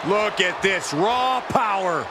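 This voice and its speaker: A man delivering excited commentary as a wrestling commentator. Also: high-pitched, takes it slowly. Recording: very noisy arena background. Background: loud noise and thumps.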